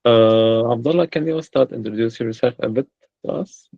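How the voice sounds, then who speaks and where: A man who hosts and organizes a community runs a casual online chat, sounding hesitant and using many filler sounds. His voice is medium-pitched and creaky at a normal speed, with no echo, over dull lo-fi call audio.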